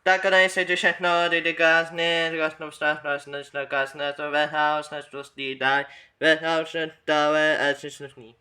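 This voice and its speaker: A man commenting casually on an old TV recording for his channel, rambling and halting and often repeating himself. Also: on the high side, little pitch movement, sharp tone, clean tone. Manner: halting, repetitive, trailing off.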